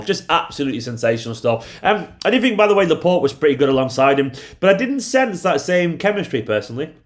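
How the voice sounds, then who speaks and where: A man hosting a football fan channel, talking casually with emphatic, hyperbolic praise and repeated superlatives. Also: medium pitch. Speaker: YouTube football channel host.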